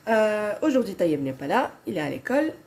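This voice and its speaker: This budgeting vlogger, a woman in her thirties, talks her viewers through her monthly budget in a sing-song, fairly quick mid-range voice with a darkish tone. A head cold and her Belgian French accent color her casual, hesitant speech, full of fillers and restarts, and there's slight hiss or hum.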